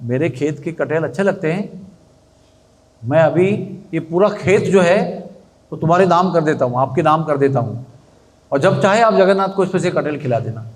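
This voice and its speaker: Male religious storyteller, fairly high voice, animated with conversational asides. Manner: animated, chatty asides to listeners. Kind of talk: devotional story sermon.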